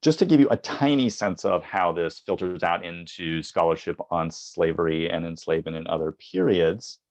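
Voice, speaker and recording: Deep-voiced man giving an academic lecture. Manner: measured, with frequent ums and uhs; reads quoted passages from books aloud.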